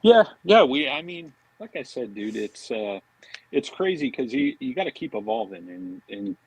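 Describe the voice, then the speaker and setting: An American man, a fishing products marketing director, is a guest on a podcast, rambling casually and often dropping in "you know" and "man." His mid-range voice is slightly rough and swings widely in pitch at a normal speed. The recording is dry and rough.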